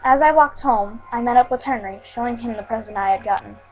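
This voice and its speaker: A woman reading fan fiction aloud in a plain, steady way, with small slips now and then. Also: a little high, brisk, soft background music. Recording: tinny phone-like sound.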